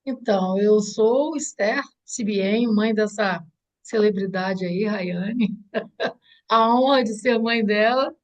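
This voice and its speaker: A woman's voice: mid-range voice, slow, poor audio. A middle-aged woman with a Brazilian Portuguese accent, talking earnestly and reflectively as a mother being interviewed, often restarting her sentences. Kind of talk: heartfelt conversation.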